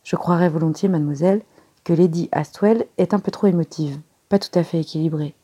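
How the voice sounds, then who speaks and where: A woman reading aloud and voicing an elderly male detective who is courteous, self-satisfied and measured in his speech. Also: on the high side, steady tone, slightly rough. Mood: knowing. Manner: polite, measured, softly spoken. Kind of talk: audiobook character reading.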